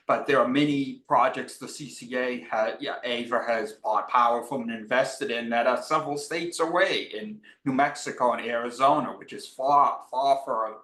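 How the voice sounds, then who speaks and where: A man's bright, slightly tense voice comes through a group voice call, carrying a roomy echo. He speaks earnestly and hesitantly, filling the gaps with ums and uhs as he makes a public comment. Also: medium pitch. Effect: voice coming through a group voice call. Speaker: public commenter at a board meeting. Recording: echoey remote call audio.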